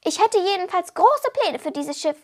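Small boastful goblin man played by a woman, squeaky high voice, grumbling and bragging, with wide swoops. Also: lively intonation, moderate pace, darkish tone. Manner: indignant, cursing, bragging. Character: small grumpy boastful male water goblin.

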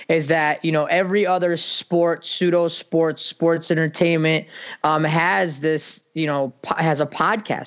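Male podcast co-host, slightly high voice, casual and halting, swears now and then. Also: a bit bright.

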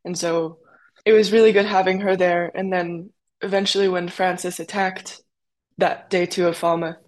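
A woman's voice: fairly low pitch, level tone, normal speed, darkish tone. A young adult woman, a cyclocross racer, answering interview questions in a chatty way with lots of fillers. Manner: chatty, with many fillers and quoted asides.

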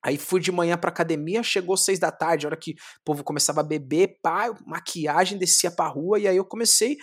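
A young man from Brazil, a street clown, telling his story in a casual interview, lively, swearing often and acting out what he said back then. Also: on the high side, fairly quick. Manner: animated, swearing, acts out his own past words.

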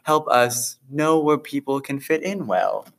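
A man voicing a female vice principal making quick, official announcements. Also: fairly high pitch, fairly bright tone, pitched above the performer's own voice.

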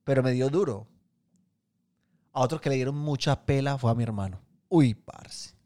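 A man with a Colombian Paisa accent, a podcast co-host telling childhood stories in casual chat, animated and full of slang and swearing. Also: mid-range voice, moderate pace. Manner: animated, slangy storyteller who swears freely.

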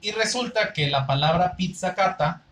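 A man's voice: high-pitched, moderate pace, fairly bright tone, low-quality recording. A Mexican man co-hosting a podcast, curiously explaining where words come from in casual chat. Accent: Mexican Spanish. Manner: curious, explanatory, thinks aloud. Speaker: podcast co-host.

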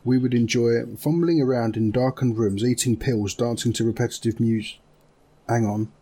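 A man from Essex with an Essex accent and a husky voice, hosting a casual podcast chat. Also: mid-range voice, steady tone, normal speed, mellow. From Essex, England. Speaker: podcast host.

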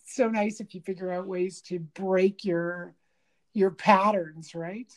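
A woman co-hosting a podcast in casual chat, talking haltingly with many fillers and restarts. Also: fairly low pitch, fairly even intonation. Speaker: podcast co-host. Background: pet bird chirping.

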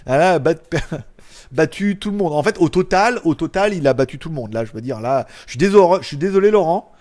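A man chatting casually on a live stream, reading viewers' comments and joking, loud one moment and mumbling the next. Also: fairly high pitch, expressive, brisk. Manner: loud, jokey, trails off into mumbles and chuckles. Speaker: tech YouTuber hosting a live stream. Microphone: small clip-on mic.

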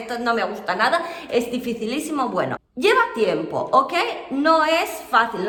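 A young woman teaches English pronunciation in a relaxed, slangy way. Her voice sits high, and the echo of a roomy space trails after her words. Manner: chatty, lively, slangy. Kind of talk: casual online lesson.

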